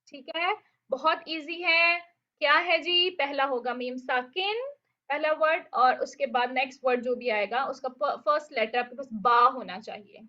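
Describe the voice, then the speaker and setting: During an online Quran recitation lesson, a woman with a voice that sits high explains patiently step by step, checking in often. She recites Arabic words slowly to demonstrate their sounds, and the audio has its highs cut off.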